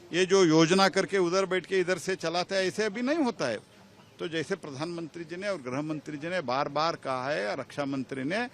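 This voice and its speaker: A man, a politician, giving halting but emphatic comments to reporters. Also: on the high side, fairly bright tone, slight background noise. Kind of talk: press comment.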